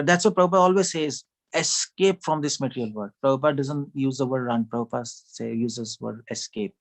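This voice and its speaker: A man giving a sermon to a small gathering, talking in a conversational way, asking the audience questions and laughing often. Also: mid-range voice. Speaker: speaker at a devotional gathering.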